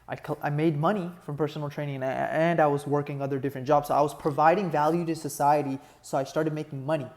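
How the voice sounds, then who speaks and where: A man's voice: on the high side, mellow. A young man from Nepal, an online fitness business coach, giving a motivational talk and tagging nearly every sentence with "right?". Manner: earnest, repeats "right?" constantly, builds to emphatic peaks.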